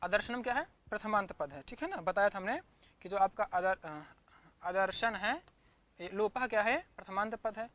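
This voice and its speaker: A man's voice: high-pitched, lively intonation, normal speed, a bit bright. Man teaching Sanskrit grammar online. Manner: asks questions and answers them himself, repeats terms; searches the screen for notes aloud mid-lesson. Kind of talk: online class lecture. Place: online class.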